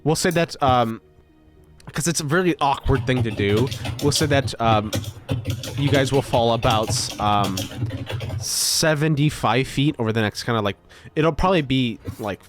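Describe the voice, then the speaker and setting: A man's voice: mid-range voice, normal speed, over music. A man running a tabletop game as game master, narrating in a loose, rambling way full of ums and likes.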